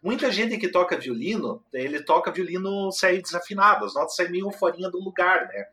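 A man's voice: sits high, a little fast, sharp tone. A man, co-hosting a casual chat about classical music and explaining things eagerly, with many fillers and restarts. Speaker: co-host.

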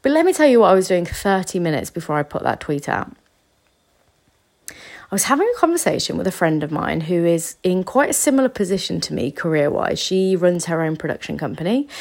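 Stuffy-nosed woman hosting a podcast. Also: on the low side. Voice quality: soft, half-whispered delivery. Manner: chatty, with quick asides and restarts. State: stuffy, congested from a cold. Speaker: podcast host. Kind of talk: casual solo podcast talk.

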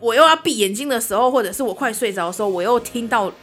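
A woman with a Taiwanese Mandarin accent tells a spooky personal story on a podcast, her voice sitting fairly high. She is animated and slips into the voices of the people in the story. Soft music plays low behind her. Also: fast talker. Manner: animated, acts out quoted dialogue. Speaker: podcast co-host. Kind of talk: casual ghost-story telling.

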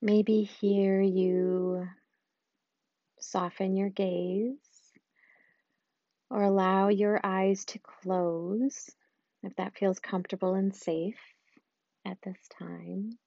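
Slow, soothing woman guiding meditation. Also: medium pitch, level tone, vocal fry, no room sound, dull audio. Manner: slow, soft and soothing, with long pauses. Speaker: meditation guide. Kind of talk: guided loving-kindness meditation.

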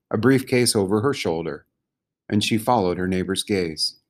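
A man narrating a children's storybook in a gentle, measured way. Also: lowish voice. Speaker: audiobook narrator.

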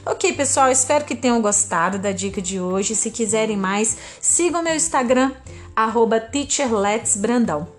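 A woman from Brazil with a Brazilian Portuguese accent, teaching English pronunciation on a podcast, modelling words slowly and deliberately. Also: fairly high pitch, lively intonation, soft background music. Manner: slow, deliberate, drawn-out word modelling.

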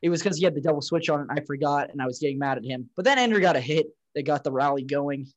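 A man's voice: a little high, rapid-fire, dry recording, dull audio. A man co-hosting a casual sports chat, recapping plays in a rambling way with lots of fillers. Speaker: podcast co-host.

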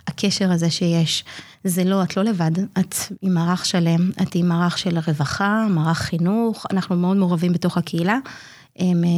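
Nurse lady in her 40s, retelling a case, acts out the dialogue, lots of uhs, lowish voice. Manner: earnest, animated retelling that acts out quoted dialogue; frequent hesitation fillers. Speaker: community child-health nurse. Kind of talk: personal story in an interview.

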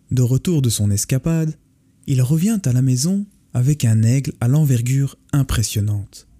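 A man narrating a folk tale in a calm, measured way. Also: medium pitch. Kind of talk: storybook narration. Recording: faint music behind the voice. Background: faint music.

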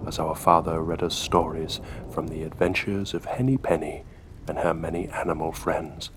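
Deep, flat-voiced male horror narrator. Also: husky. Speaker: host and storyteller. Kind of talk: scripted horror story narration.

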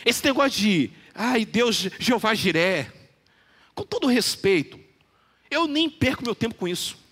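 A man preaching a sermon in a church, addressing listeners by name and quoting scripture slowly and with emphasis. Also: high voice, sing-song, fairly bright tone, husky. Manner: preaches with rising emphasis, quoting scripture with slow deliberate phrasing. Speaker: pastor. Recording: long reverb of a church hall.

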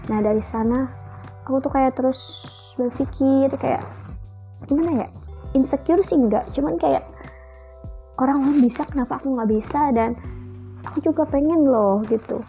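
A young adult woman hosts her first solo podcast, a casual monologue in which she talks in a chatty, reflective way with plenty of fillers. Her voice sits high and mellow, moving at a moderate pace with long pauses, and faint music plays behind her.

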